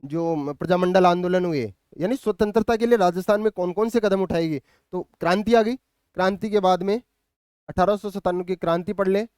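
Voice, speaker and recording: A man's voice: high voice, fairly quick, a little mellow, clear, resonant tone, no echo, clean studio sound. A male coaching teacher walking students through an exam syllabus, explaining patiently and often checking in with them. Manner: thinks aloud with hesitant fillers and restarts. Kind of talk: syllabus walkthrough lecture.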